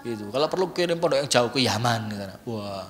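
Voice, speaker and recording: A man, preaching a sermon in a lively, conversational way that teases his listeners. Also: medium pitch, fast talker. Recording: long hall reverb.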